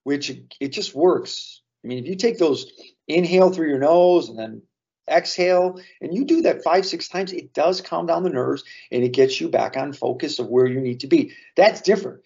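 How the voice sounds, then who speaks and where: A man's voice: on the high side, normal speed, vocal fry, darkish tone, husky, muffled recording. A man co-hosting a casual podcast, talking earnestly and drawing lessons from sports memories. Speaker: podcast co-host.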